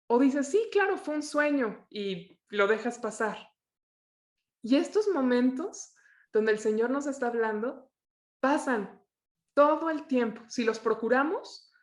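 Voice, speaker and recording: Earnest young woman, roomy echo. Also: fairly high pitch. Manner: earnest, searching storytelling with restarts. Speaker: guest sharing a testimony. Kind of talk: personal testimony. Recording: echoey room.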